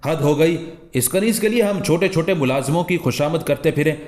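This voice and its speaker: A man reading an audiobook, voicing an angry male governor who shouts and scolds. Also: on the high side, moderate pace, natural voice. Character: hot-tempered male provincial governor. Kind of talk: audiobook character voice.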